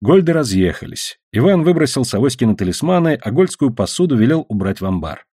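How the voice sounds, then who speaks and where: Expressive male audiobook narrator. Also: mid-range voice, a little fast, husky, dry recording, studio quality. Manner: expressive reading, voicing characters.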